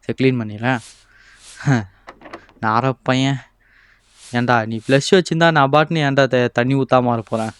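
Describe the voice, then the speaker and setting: A man's voice: steady tone, moderate pace, long pauses, fairly bright tone, smooth, no echo. A young man, commenting on a horror game in a playful, exasperated way and voicing the game's characters. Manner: playful, exasperated, switches to shrill panic when scared. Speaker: gameplay commentator.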